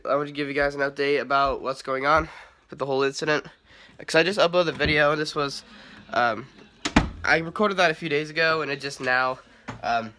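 Sick with a cold, a young man sounds slightly nasal as he delivers a rambling, hesitant vlog update full of ums and restarts. His voice is a little high, and the background is noisy.

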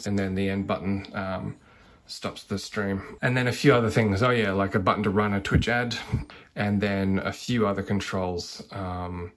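A man in his thirties giving a casual walkthrough of his home kitchen streaming setup, talking in a relaxed, conversational way with frequent fillers. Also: lowish voice, slight background noise. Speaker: cooking streamer.

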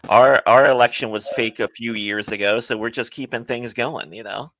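A man's voice: medium pitch, fairly even intonation, normal speed, fairly bright tone, slight background noise. A man on a casual chat panel giving blunt, cynical opinions.

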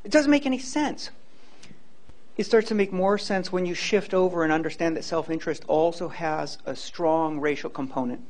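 A man's voice: fairly high pitch, moderate pace, a little mellow. A man in his fifties giving a public lecture and taking questions on a handheld microphone, earnest and emphatic, often repeating words as he starts a point. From Hawaii. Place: large lecture hall, indoors.

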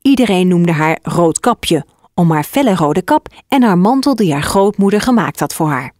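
A woman narrating a children's fairy tale in an expressive, scripted reading. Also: lowish voice, moderate pace, no echo, studio quality.

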